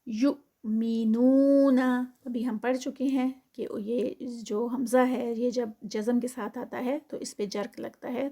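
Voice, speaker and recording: Patient woman teaching Quran recitation, higher voice. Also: dark tone, husky. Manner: patient, explains each letter slowly and step by step. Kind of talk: tajweed lesson, explaining then reciting.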